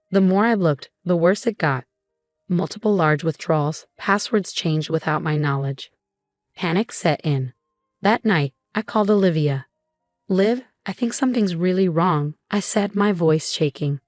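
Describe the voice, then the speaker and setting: A woman reading a first-person story as scripted narration, in a steady, measured way. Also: deep voice, dry recording, clean studio sound.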